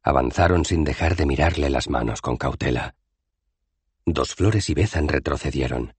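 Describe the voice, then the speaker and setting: A man with a husky voice narrating an audiobook in a measured, expressive reading. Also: very deep voice, dry recording. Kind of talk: scripted narration.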